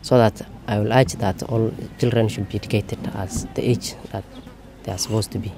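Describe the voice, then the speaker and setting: A man's voice: on the low side, fairly even intonation, brisk, creaky, mellow, a little hiss or hum. A man giving interview answers in a formal, urging manner.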